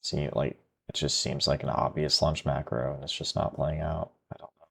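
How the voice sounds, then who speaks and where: A man with a very low voice and a gravelly fry mutters to himself while trading. He sounds tired and frustrated, his voice trailing off as he thinks aloud. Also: flat delivery, normal speed, fairly bright tone. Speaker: day trader. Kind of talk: live trading commentary.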